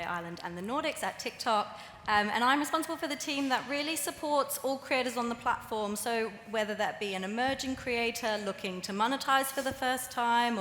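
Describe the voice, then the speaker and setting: A woman's voice: a little high, a bit bright, a little hiss or hum. A woman executive who heads a creator team, speaking on a live panel. She talks in a polished, corporate way. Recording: roomy hall with faint ambience.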